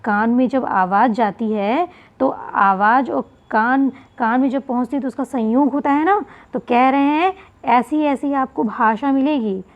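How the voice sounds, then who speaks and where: A woman's voice: sits high, a little slow, hardly any pauses. Woman teacher explaining Sanskrit, tinny audio. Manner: explains word by word, repeats terms. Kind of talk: explaining a textbook lesson.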